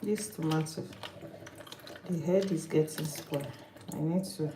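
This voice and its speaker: Speaking a little slowly in a low-pitched voice, a Nigerian woman with a Nigerian English accent runs a live-stream cooking chat, teasing viewers and often restarting her sentences. The recording is echoey, with background noise.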